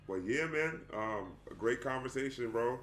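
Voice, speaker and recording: A man's voice: mid-range voice, animated, normal speed, a bit bright. A young adult man hosting a casual interview, laid-back and slangy, calling his guest "bro". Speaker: podcast host. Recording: echoey room.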